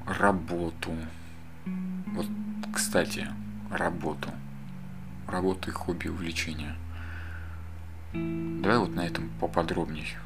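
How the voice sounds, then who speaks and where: Man, 30s, very low voice, creaky, rambling casual monologue, loud guitar music behind. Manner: rambling, digresses and talks straight to the listener. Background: loud acoustic guitar music.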